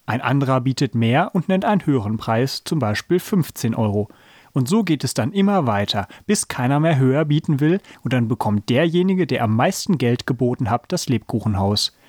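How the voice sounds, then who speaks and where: A man's voice: mid-range voice, animated, brisk, a little mellow, no echo, studio quality. A man hosting a show who reads a children's story aloud with expression, then chats casually and with amusement. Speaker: podcast host reading a story.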